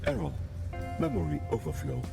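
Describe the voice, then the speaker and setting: An actor playing a calm, stiff guardian computer of a station in an adventure game, speaking in flat mechanical announcements. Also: male voice, low voice, normal speed, creaky, music in the background, full character voice.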